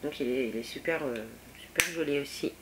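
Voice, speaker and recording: A woman's voice: low-pitched, fairly quick, very noisy. A woman chatting casually through a makeup haul, with lots of fillers as she swatches products on her hand. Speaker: beauty vlogger.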